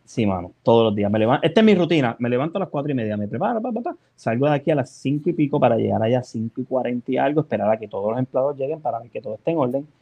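A man's voice: medium pitch, racing, hardly any pauses, dull audio. A man tells his story in a casual podcast chat. His voice sits in a middle register, and he acts out what he said and felt along the way. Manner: animated, acts out his own reactions. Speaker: guest radio DJ.

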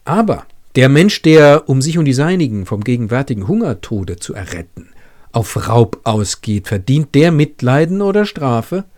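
A man's voice: medium pitch, sing-song, moderate pace, a little mellow, close to an everyday voice. A man reading aloud the speeches of a passionate, brooding young man who argues in fervent, rhetorical questions. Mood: impassioned. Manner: impassioned, rhetorical.

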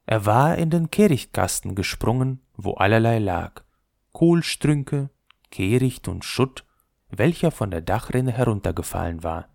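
A man narrating a fairy tale, reading in an expressive storytelling manner. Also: unhurried, creaky, no echo, studio quality. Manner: expressive storytelling with lively pitch.

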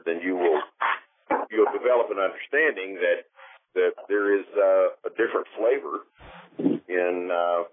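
Deep, blunt man on a phone line. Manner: blunt and dry-humored. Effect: heard over a landline phone. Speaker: podcast guest. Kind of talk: casual podcast chat. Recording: tinny phone line with faint hiss.

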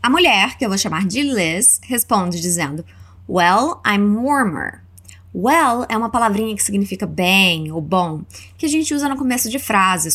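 A woman with a Brazilian accent teaching English words, saying each one slowly and clearly for listeners to repeat. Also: mid-range voice, a bit bright. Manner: slow, clear modeling of words for repetition. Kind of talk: language lesson narration.

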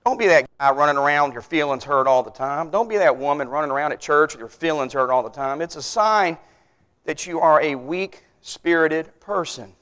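A man, a pastor preaching a sermon, telling stories with big loud peaks and then dropping low to drive a point home. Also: moderate pace, smooth, big-room sound. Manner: animated storyteller, rising loud on punchlines, then dropping low.

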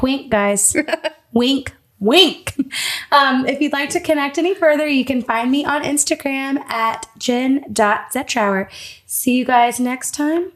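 A young woman in her twenties hosts her own podcast in a loose, chatty way, often laughing at herself. Her voice sits a little high. She talks about her life with easy, self-deprecating humor. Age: 20s. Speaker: podcast host. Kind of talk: casual podcast chat.

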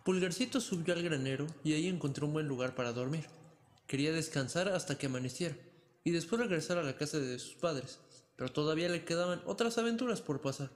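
A man's voice: fairly high pitch, fast talker. Man reading a fairy tale aloud. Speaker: storyteller. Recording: long hall reverb.

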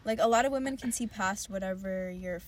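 A woman's voice: medium pitch, brisk, a little hiss or hum. A young woman co-hosting a podcast, thinking aloud in casual chat, hedging with lots of "like" and "you know". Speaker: podcast co-host.

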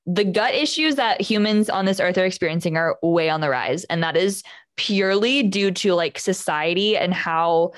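Animated young woman podcast host. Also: fairly low pitch. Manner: animated, talks fast in bursts. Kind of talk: casual chat.

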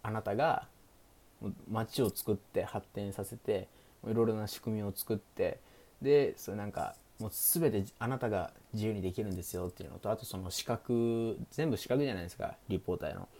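Low, mellow-voiced man chatting solo. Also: a little fast. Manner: thinking aloud, searching for words. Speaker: streamer, show host. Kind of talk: casual solo radio chat. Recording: faint background hiss.

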